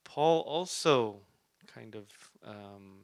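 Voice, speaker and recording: A man's voice: medium pitch, lively intonation, drawn-out words, gravelly, no room sound. A man preaching a Bible lesson in a conversational way, often checking in with "right?". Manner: conversational, often asks "right?", uses fillers. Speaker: preacher teaching a Bible study. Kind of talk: sermon.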